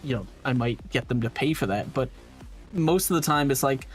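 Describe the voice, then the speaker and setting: A man's voice: medium pitch, animated, fairly quick, soft background music. A man from New York, an illustrator, chatting casually and thinking aloud on a live stream.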